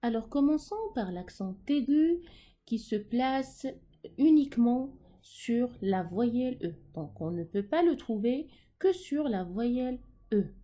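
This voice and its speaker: A woman teaching a French grammar lesson to schoolchildren, talking slowly, repeating herself and stressing key words. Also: on the high side, expressive, dark tone.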